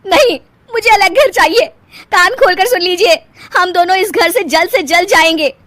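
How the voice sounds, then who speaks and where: A woman voicing a spoiled young wife in a cartoon story, shrill and demanding. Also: lively intonation, normal speed, no echo.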